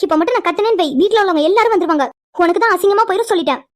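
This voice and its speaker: A woman's voice: extremely high pitch, very fast. A woman voicing a sulky young woman in a cartoon who protests and stammers when cornered. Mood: flustered. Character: young woman Aishwarya, sulky and easily upset. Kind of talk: cartoon voice acting.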